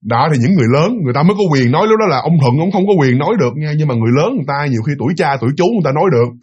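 Animated Southern Vietnamese man telling a story. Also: fairly high pitch, rapid-fire, husky, muffled recording. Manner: animated, addresses listeners directly. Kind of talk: spoken ghost story.

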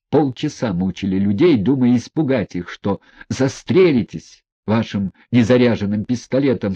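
A man voicing a sickly young man who answers calmly with cutting sarcasm. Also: lowish voice, slightly rough, muffled recording. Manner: calm, mocking, cutting.

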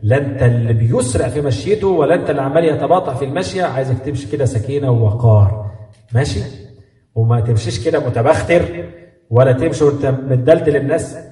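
Fast-talking Egyptian sheikh in an echoey hall. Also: male voice, mid-range voice, expressive, dark tone, recorded from a distance. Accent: Egyptian Arabic. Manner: fatherly, coaxing, acts out parent-child talk. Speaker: sheikh teaching Quran commentary. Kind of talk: spoken religious lesson with live questions.

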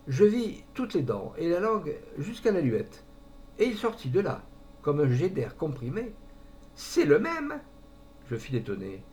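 Expressive male audiobook reader. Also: mid-range voice, a little hiss or hum. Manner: expressive, lively storytelling. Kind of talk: audiobook narration.

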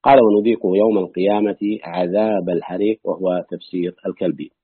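A man reading aloud from a classical exegesis book in a measured way, pausing now and then to comment or correct a slip. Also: low-pitched, steady tone, no echo. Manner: measured recitation, pausing to note and correct slips. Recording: husky, dry, tinny phone-like audio.

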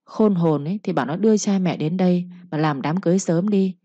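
A woman voicing a sharp-tongued village mother who nags and lectures her daughter in a told story. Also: lowish voice, fairly quick, dry recording, close to an everyday voice. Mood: nagging. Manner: nagging, lecturing with proverbs. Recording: dull lo-fi recording.

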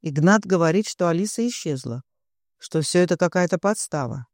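A man reading an audiobook, voicing a shaken older father who speaks low, muffled and trembling. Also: animated, brisk, no room sound, studio quality, lightly acted. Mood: soothing.

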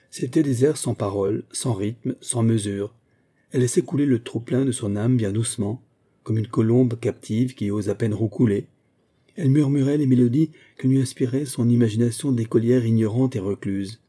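A man reading a classic novel aloud as an audiobook narrator, in a measured, even way. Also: fairly low pitch, husky. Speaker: audiobook reader.

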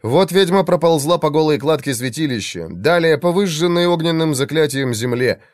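A man reading a fantasy novel aloud in a measured, dramatic narration. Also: fairly high pitch, expressive, no echo, clean studio sound. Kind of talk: audiobook narration.

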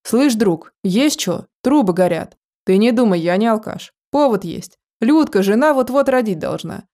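A woman voicing a chatty, boastful drunk man who talks in rough slang. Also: fairly high pitch, expressive, moderate pace, mellow.

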